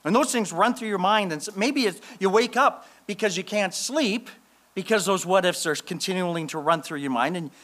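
A man with a Canadian accent preaching a sermon in a church, slowing down to repeat key phrases with emphasis. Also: high-pitched, a bit bright. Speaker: pastor. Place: church sanctuary.

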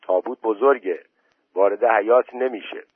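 Man voicing a village headman, worried, practical, husky, low voice. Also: no echo. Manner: practical, fretful questions. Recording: dry tinny phone-like voice message.

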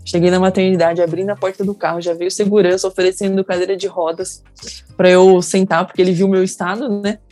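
A woman's voice: on the low side, flat delivery, a little fast, warm tone, no echo, soft background music. A young woman with a Brazilian Portuguese accent telling her birth story in casual talk, emotional and acting out the people she quotes. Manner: emotional, acts out quoted people in raised voices.

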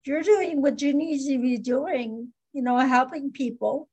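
A woman's voice: high voice, unhurried, a little mellow, low-quality recording. A woman co-hosting a casual interview, emphatic and often laughing. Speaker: co-host.

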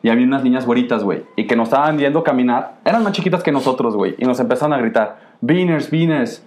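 Young Mexican-accented man, quick and slangy, telling stories among friends. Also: medium pitch, expressive, darkish tone. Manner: fast, slangy storytelling, laughs often. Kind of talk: casual chat.

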